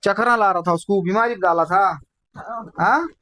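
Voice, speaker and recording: A man's voice: high voice, normal speed, pushed and bright. A man, acting as a faith healer, harshly interrogating and scolding during an exorcism. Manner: harsh, scolding, barks demands. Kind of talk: commanding interrogation.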